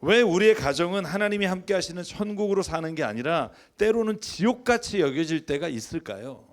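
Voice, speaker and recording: Male pastor, lively and expressive sermon delivery, voice on the higher side. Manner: conversational and animated, acts out family dialogues.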